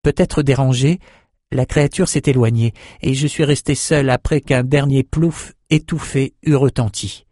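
A man's voice: medium pitch, steady tone, normal speed, dark tone, dry recording, clean studio sound, lightly acted. A man reading the part of a young male islander who tells, half mocking himself, how he was lost at sea. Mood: earnest. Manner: earnest, self-mocking storytelling. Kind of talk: audiobook character reading.

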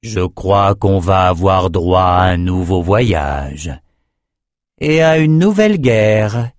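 A man voicing a gruff, weary old wizard who speaks slowly and low, with a grumbling tone. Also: expressive, no echo, clean studio sound. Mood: wry. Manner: slow, low, grumbling delivery.

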